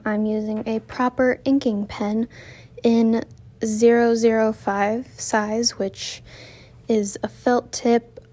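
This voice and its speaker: A woman's voice: fairly high pitch, mellow. A woman narrating a casual voice-over about her drawing, out of breath because she walks while she talks, chatty and rambling with frequent self-corrections. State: out of breath from walking. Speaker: art vlogger narrating her drawing process.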